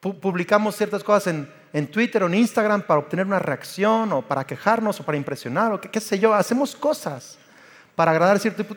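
A man, preaching a sermon with passion and acting out stories, his voice climbing to shouts. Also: high voice, long reverb tail. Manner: passionate, acts out Bible scenes and family anecdotes, rising to shouts. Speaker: pastor. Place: church hall.

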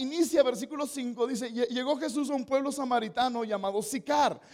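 A man with a northern Mexican accent preaching a storytelling sermon in an animated, humorous way, often tagging his lines with rhetorical questions. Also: very high voice. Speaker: pastor.

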